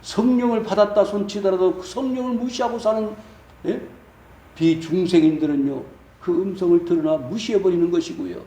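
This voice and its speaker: A man preaching in a church sanctuary, his voice pitched high and ringing in a roomy, echoey hall. He throws rhetorical questions at the congregation and swings sharply between loud and soft. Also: a little fast, recorded from a distance. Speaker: pastor. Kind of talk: sermon.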